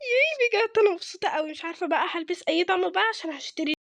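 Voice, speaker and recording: A woman voicing an excited young daughter about to be engaged, with an Egyptian accent and a gushing, repetitive way of talking, in a game role-play. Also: very high-pitched, very fast, gravelly, no echo, exaggerated voice. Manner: gushing, eager, repeats herself.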